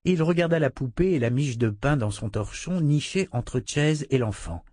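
A man reading a fantasy novel aloud as narrator, in an even, measured way. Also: medium pitch, no echo. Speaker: audiobook narrator. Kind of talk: scripted narration.

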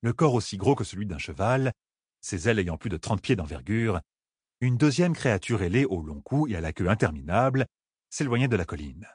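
A male narrator reading fantasy fiction with a lively, widely moving delivery. His voice is slightly husky and the recording is dry and close. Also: fairly low pitch, a little fast, dry recording. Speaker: audiobook narrator.

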